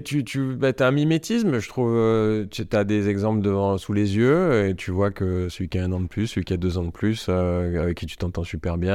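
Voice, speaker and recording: A man in his forties with a southern French Marseille accent, speaking as a podcast guest. His voice is very low and the sound is dry and close. He tells his story loosely, often stopping and restarting his sentences. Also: a little mellow, no room sound. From Marseille, France. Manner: rambling storytelling with many restarts. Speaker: guest entrepreneur. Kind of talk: casual podcast interview.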